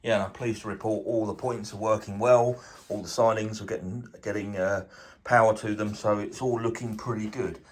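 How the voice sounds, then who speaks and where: Low-voiced man rambling through a hobby vlog. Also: moderate pace. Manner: relaxed, rambling, lots of fillers. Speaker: model railway hobbyist host. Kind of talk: casual workshop vlog. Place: indoors at a dining room table layout.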